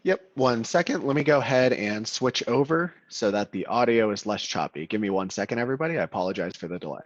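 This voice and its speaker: A man's voice: medium pitch, animated, fast talker, dry recording. Man on a choppy, glitching call. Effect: choppy, cutting-out call audio. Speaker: product demo presenter. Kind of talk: webinar software walkthrough. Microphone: video call. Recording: dull, dry, glitchy call audio.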